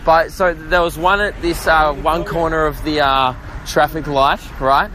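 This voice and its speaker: An Australian man hosts his podcast on foot along suburban roads by traffic, out of breath, rambling casually with self-deprecating humor. His voice is on the high side, pushed and bright, with a steady tone and measured pace over a little hiss or hum.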